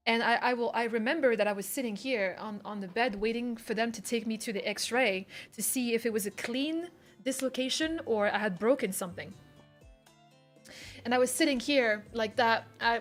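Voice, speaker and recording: A woman streamer talking candidly and rambling with her viewers in casual chat, often restarting her sentences. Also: a little high.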